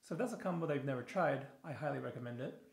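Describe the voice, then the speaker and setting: Man, 30s, easygoing shave-video host, tired and rambling, middle pitch, bouncy bathroom echo. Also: very fast, gravelly. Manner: relaxed, rambling, frequent fillers and restarts. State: a little tired in the evening. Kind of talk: casual product review while shaving. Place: small home bathroom. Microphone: camera on the counter at close range. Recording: echoey bathroom.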